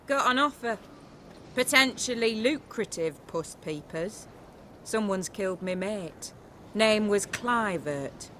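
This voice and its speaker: A cocky, foul-mouthed gang boss in a game. Her voice is bright and sharp, and she drawls slowly, savoring every taunt, over a faint hum of background noise. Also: mid-range voice, expressive. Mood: cocky, scheming. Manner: cocky, mocking. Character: brash foul-mouthed female gang leader.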